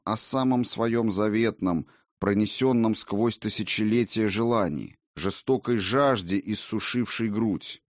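Male audiobook narrator, measured, expressive, lowish voice, dry close sound. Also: no echo. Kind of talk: scripted fantasy narration.

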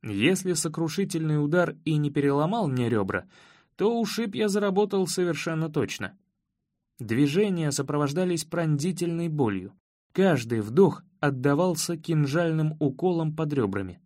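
A man reading a first-person story as an audiobook narrator, in measured, evenly paced storytelling. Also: fairly high pitch, expressive, darkish tone, no room sound, clean studio sound.

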